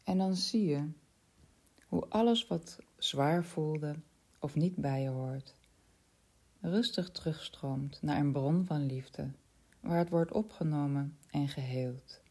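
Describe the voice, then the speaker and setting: A woman leading a spiritual guided meditation in a soft, slow voice that often drops to a whisper. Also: low voice, breathy edge.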